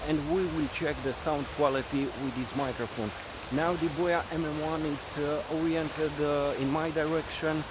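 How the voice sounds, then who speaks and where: A man giving a casual gadget review in a halting way, often repeating words, as he explains a microphone test. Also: a little high, steady tone. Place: outdoors in a city by a fountain. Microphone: smartphone or small shotgun mic, handheld. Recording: outdoor microphone test, loud water and traffic noise, wind. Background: rushing fountain, traffic, wind.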